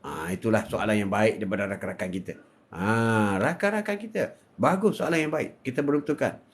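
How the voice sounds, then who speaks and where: An older man with a Malaysian Malay accent giving a live religious talk, swinging between loud, high exhortation and low murmurs. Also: animated, a little fast. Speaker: religious speaker.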